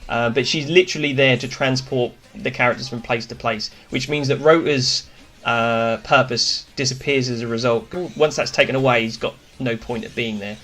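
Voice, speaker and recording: A man's voice: mid-range voice, fairly even intonation, normal speed, a bit bright. A man hosting a casual cartoon review, talking through his opinions in a chatty, enthusiastic way. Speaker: host.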